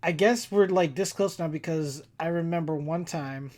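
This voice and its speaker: A man's voice: a little high, moderate pace, darkish tone. Young male stream host, casual interviewer, chatty and giggly, rambles with lots of filler words.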